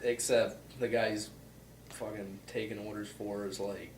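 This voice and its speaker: A man's voice: on the low side, flat delivery, unhurried. A young man co-hosting a casual movie chat with dry, sardonic asides. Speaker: co-host. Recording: roomy echo, distant mic, faint noise.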